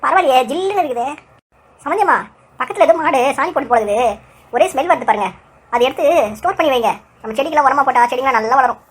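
A fussy old village man grumbles and scolds in a cartoon, voiced by a woman. His voice sits high and thin, and he rattles off his complaints at a fast clip. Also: expressive. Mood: scolding. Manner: chatty, scolding, quick to take offense. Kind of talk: cartoon voice acting.

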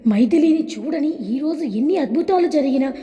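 A tender, brooding young man in love, read by a woman narrator in an audio story. The voice sits high and mellow. It carries a long hall reverb. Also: lively intonation, fairly quick.

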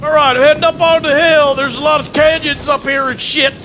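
A man playing a loud, bossy, swearing drill sergeant in an online game, barking orders with a strained delivery. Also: extremely high pitch, little pitch movement, a little fast. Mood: gruff, alert. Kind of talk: improvised in-game role-play over voice chat. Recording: voice over loud game battle noise.

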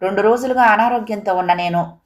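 A woman voices a feverish, hurt husband pleading earnestly with his wife. Her mid-range voice is fairly quick and close to how she'd normally speak.

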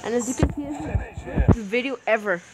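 A young-sounding female-pitched gamer giving casual, excitable gameplay commentary, with difficulty saying R sounds. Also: fast talker, low-quality recording. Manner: excitable, exclaims and mutters to self. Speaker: gaming video maker. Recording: game music behind the voice. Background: game music.

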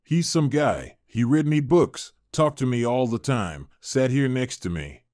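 A man's voice: medium pitch, expressive, measured pace, a little mellow, no echo, clean studio sound, close to an everyday voice. A man reading the part of a young woman just out of a coma, speaking in a slightly raised, emotional and weary voice. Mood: indignant.

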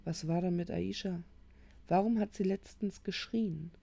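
A woman's voice: lowish voice, unhurried, gravelly, mellow. A woman voicing a worried teenage boy who talks urgently and insistently in a storybook reading.

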